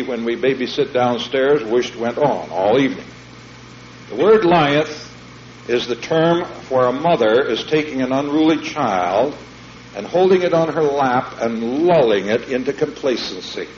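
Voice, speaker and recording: Emphatic preacher man, lo-fi recording. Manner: emphatic, swings from loud declarations to low asides. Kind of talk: verse-by-verse sermon. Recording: dull lo-fi recording with faint hum.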